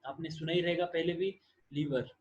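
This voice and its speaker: Higher-voiced man teaching a science lesson. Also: fairly even intonation, moderate pace, lo-fi sound. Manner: asks questions and answers them himself, repeats key words; mixes in English terms. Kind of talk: classroom lecture.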